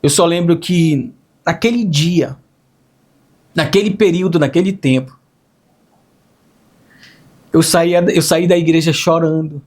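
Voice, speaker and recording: A man with a lasting hoarse, raspy voice, earnestly telling an emotional faith testimony and repeating phrases as he recalls it. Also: on the high side, a little slow, long pauses, darkish tone. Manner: earnest, storytelling with repetitions. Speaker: testimony speaker.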